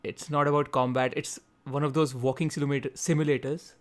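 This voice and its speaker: Guy doing a first-look gameplay commentary, talks fast and kinda thinks out loud as he plays. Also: fairly high pitch, flat delivery. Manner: chatty, thinking aloud while he plays; quick talker. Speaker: gaming video host.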